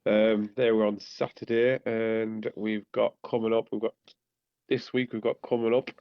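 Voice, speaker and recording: A man with a Teesside accent, co-hosting a podcast and reading out announcements in a casual, halting way. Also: fairly low pitch, little pitch movement, no echo. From Teesside, north-east England. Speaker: podcast co-host. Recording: slightly dull lo-fi microphone.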